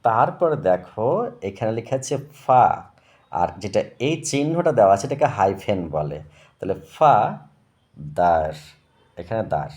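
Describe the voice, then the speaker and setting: A man teaches young pupils English words in a recorded lesson. His pitch rises and falls a great deal as he explains each term with patient repetition. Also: big pitch swings, unhurried, long pauses, a little mellow. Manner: patient, repeats words and checks with "okay?". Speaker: tutor.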